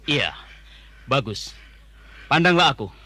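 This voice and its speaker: An actor playing a haughty, commanding army leader in a radio drama, speaking in an imperious, scornful and deliberate way. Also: male voice, mid-range voice, big pitch swings, bright, forceful tone, slightly rough, no room sound, full character voice. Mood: menacing. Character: commanding, haughty male high army leader, contemptuous and menacing. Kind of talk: Indonesian radio drama acting.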